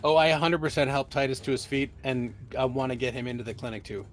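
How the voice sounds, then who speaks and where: A man's voice: medium pitch, quick pace. Informal, emphatic man playing a tabletop game. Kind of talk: casual in-game chat.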